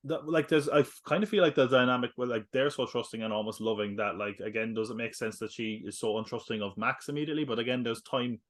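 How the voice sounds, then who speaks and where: Chatty rambling male film podcaster. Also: medium pitch. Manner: rambling, filler-heavy, jokey asides. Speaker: podcast co-host. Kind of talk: casual film review chat.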